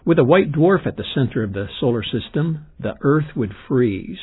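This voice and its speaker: A man with a gravelly, husky voice, giving explanatory commentary as an expert in a documentary. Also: mid-range voice, lively intonation, normal speed. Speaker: expert interviewee, science lecturer. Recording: dull lo-fi sound, music behind.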